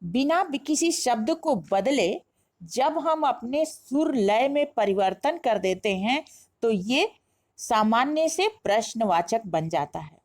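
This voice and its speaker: A woman's voice: a little high, lively intonation, slow, darkish tone. A woman teaching a grammar lesson, explaining step by step and asking herself questions before answering them. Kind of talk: classroom-style lesson explanation.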